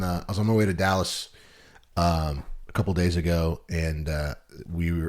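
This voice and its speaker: A man hosting a casual interview podcast in an informal, chummy buddy style. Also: low-pitched. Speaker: host.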